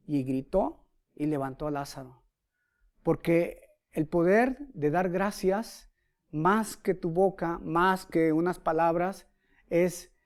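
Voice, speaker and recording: A man with a Mexican accent preaching a sermon, telling a personal story and acting out the people in it. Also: high voice. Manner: animated storyteller, acts out quotes. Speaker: pastor.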